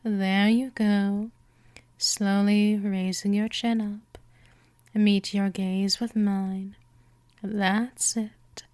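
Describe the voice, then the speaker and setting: Playing a gentle, dominant and seductive vampire, a woman leads a scripted hypnosis roleplay, coaxing and teasing with frequent slips into a whisper. She speaks at a medium pitch in a level tone, very slowly, with no echo.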